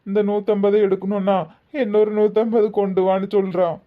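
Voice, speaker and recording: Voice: medium pitch, flat delivery, fairly quick, phone-quality sound, lightly acted. An actor voicing a drunk middle-aged husband in a comedy cartoon, with a Tirunelveli Tamil accent, talking in a slurred, mournful way. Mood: glum. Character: drunk middle-aged husband who lost family gold.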